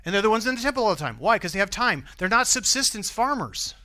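Bright-voiced American pastor preaching. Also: male voice, high voice, big pitch swings, fast talker. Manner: conversational preaching, asks the congregation questions. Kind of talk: sermon. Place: church.

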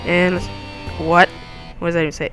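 A young man hosting a gaming video, giving jokey, excitable commentary with crude outbursts as he plays. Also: high-pitched, moderate pace, over music. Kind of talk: gameplay commentary.

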